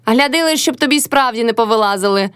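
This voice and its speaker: A woman's voice: fairly high pitch, expressive, fast talker, fairly bright tone, clean tone, no room sound, studio quality. A woman voicing a bossy, nagging older peasant mother-in-law who scolds her household. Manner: nagging, commanding.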